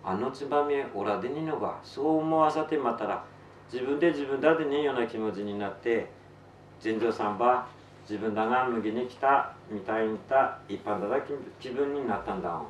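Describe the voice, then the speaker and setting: A man reading his own fiction aloud in Tsugaru dialect to an audience, in an unhurried, measured storytelling manner. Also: mid-range voice, a little hiss or hum. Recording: roomy, distant mic, faint ambience.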